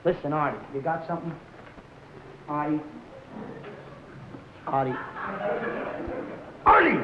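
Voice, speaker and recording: A man's voice: high-pitched, animated, normal speed, noisy background. An actor playing a harried male nightclub comic and father, brusque and exasperated with his staff. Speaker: nightclub entertainer. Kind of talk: 1950s sitcom acting. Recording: muffled 1950s TV soundtrack with music.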